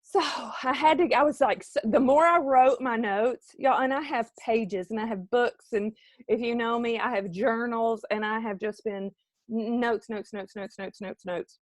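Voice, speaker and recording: A middle-aged woman, giving an animated motivational talk to her team on a live video and calling out viewers by name. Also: fairly high pitch, measured pace, no room sound. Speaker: team leader.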